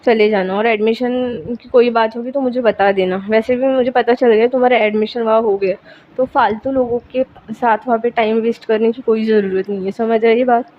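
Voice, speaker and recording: A woman voicing a bossy, quick-tempered young woman who scolds and gives orders, in a storybook reading on a dull, lo-fi recording with faint hiss. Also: on the high side, steady tone, close to an everyday voice. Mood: commanding. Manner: scolding, commanding.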